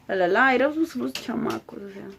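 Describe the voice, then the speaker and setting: A young woman, telling a personal story on her vlog with a slightly high voice. She speaks emotionally and circles back to repeat her words. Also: brisk, creaky, a bit bright. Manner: emotional, repetitive retelling. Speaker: vlogger.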